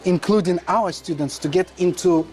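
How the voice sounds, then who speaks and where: High-voiced man. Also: a little mellow. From Kazakhstan. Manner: halting, hesitant with frequent pauses. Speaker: interviewer and education agent. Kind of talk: conversational interview.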